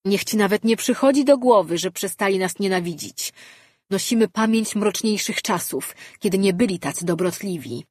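A haughty, domineering male voice that speaks from inside another man and hands down stern warnings about the gods, as a woman reads him out, slightly husky and close on a dry mic. It stays cold and superior throughout. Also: mid-range voice, lively intonation, moderate pace, a little mellow, dry recording. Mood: arrogant. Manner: imperious, haughty. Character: arrogant commanding male spirit voice.

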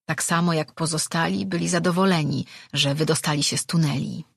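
A man reading a fantasy audiobook as narrator, in slow, measured scripted narration. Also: a little high, fairly even intonation, gravelly, fairly bright tone, breathy edge, dry recording, clean studio sound.

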